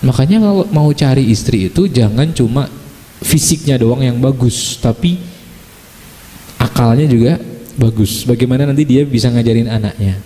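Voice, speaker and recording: A man's voice: mid-range voice, moderate pace, dark tone, in a large hall. A male Islamic preacher giving a humorous, chatty religious lecture, peppered with little tag questions to the audience. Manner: chatty, joking, with frequent "ya" and "gitu kan" tags.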